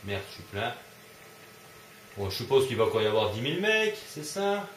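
A man's voice: medium pitch, sing-song, normal speed, fairly bright tone, roomy sound, slight background noise. A man commenting casually on his gameplay in a let's play, grumbling, easily annoyed and swearing often. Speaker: gamer doing a let's play.

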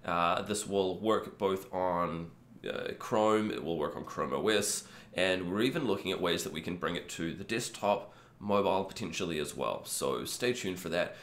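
A man in his thirties with a croaky, cold-affected voice, casually hosting a screen-share tutorial in an easygoing, informal way. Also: sits low, normal speed, a bit bright. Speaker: video host. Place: small room indoors. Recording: echoey untreated room.

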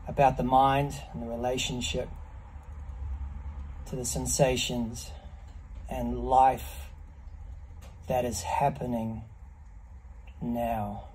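Man, fifties, slow reflective delivery, medium pitch, measured pauses, faint background noise. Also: little pitch movement, a little mellow, low-quality recording. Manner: contemplative, measured, with pauses between short phrases. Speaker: ice bath practitioner. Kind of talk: reflective monologue to camera. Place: small block-walled semi-outdoor space, in an ice bath.

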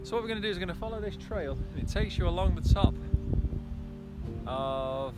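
A man in his thirties talks casually to his phone while out trail running. His voice sits high for a man, and he speaks as a vlogger showing viewers around, on the move in the open air, with loud music in the recording. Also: animated, a little fast. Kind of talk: casual outdoor vlog commentary to camera. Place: open moorland hillside, outdoors. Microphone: phone held at arm's length.

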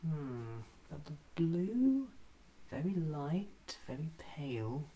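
A man in his thirties playing an eccentric, playful, vain time-travelling doctor in a soft-spoken ASMR roleplay, musing aloud in an unhurried, whimsical way. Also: a little high, sing-song, voice pushed up.

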